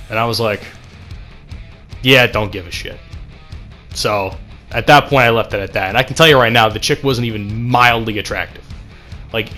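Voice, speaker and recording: A young man rants over his gameplay in a bright, forceful voice, swearing constantly and rambling as he goes. He sounds sarcastic and off the cuff, with faint guitar music in the background. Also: medium pitch. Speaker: gaming channel host. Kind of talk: casual rant over gameplay.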